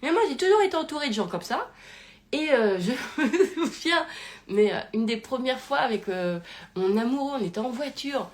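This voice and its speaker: Woman host, casual phone live talk; animated, swooping intonation, lots of restarts. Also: high-pitched, normal speed. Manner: animated, laughing, many restarts. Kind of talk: casual spoken monologue. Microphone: phone, live stream.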